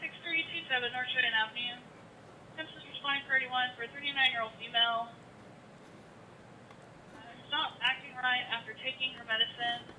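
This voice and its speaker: Female dispatcher on police radio, bright, a bit distant. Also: high-pitched, a little fast, long pauses. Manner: steady, repeats addresses and codes. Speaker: emergency dispatcher. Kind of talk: reading out dispatch calls. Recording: distant radio with faint noise.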